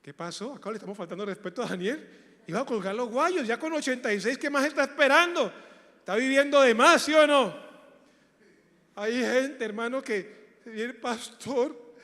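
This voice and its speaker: A pastor preaching a sermon, swinging from hushed lines to loud rhetorical questions. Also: male voice, very high-pitched, moderate pace. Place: large church hall. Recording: echoey church hall.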